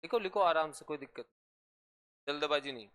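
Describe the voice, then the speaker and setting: A man with a Rajasthani Hindi accent teaching a class, slowly dictating notes and repeating each phrase for students to write down. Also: on the high side, a bit bright. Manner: slow, repetitive dictation.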